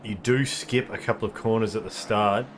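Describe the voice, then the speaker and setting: A man's voice: lowish voice, moderate pace, background noise. A man giving live race commentary, thinking aloud and explaining car details with frequent ums. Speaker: sim racing commentator.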